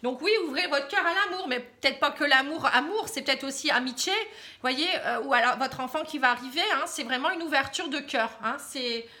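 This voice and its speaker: A woman's voice: high-pitched, a little fast, sharp tone. A woman with a northern French accent from the Pas-de-Calais, giving a chatty, reassuring tarot reading and tagging her phrases with "hein". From Pas-de-Calais, northern France. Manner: chatty, tags nearly every phrase with "hein"; reassuring and encouraging. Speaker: tarot card reader. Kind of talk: casual tarot reading to camera.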